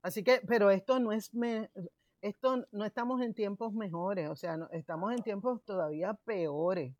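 A woman's voice: medium pitch, normal speed, darkish tone, no room sound. A woman co-hosting a casual political chat, speaking in an opinionated, emphatic way. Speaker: podcast co-host.

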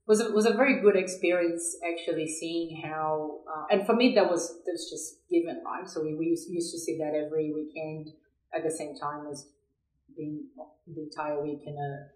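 Speaking with a low-pitched, steady, somewhat dark voice at a moderate pace, a São Paulo-born agribusiness professional chats through interview questions as a podcast guest. She has a Brazilian accent and tends to repeat words as she hunts for the right phrasing, in a roomy, echoey recording.

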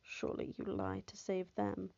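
A wrathful male fairy beast with a stern, clipped way of making threats, as a woman reads him in an audiobook. The voice is gravelly and dark, and the recording is dull and lo-fi. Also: on the low side, sing-song, normal speed, no room sound, exaggerated voice. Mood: menacing. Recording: dull lo-fi, dry.

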